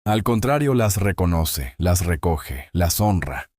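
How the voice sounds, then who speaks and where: Solemn low-voiced man narrating Bible reflections. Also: very animated, a little mellow, no room sound, clean studio sound. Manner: solemn, measured, slow with drawn-out phrases. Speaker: devotional narrator. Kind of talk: scripted inspirational Bible narration.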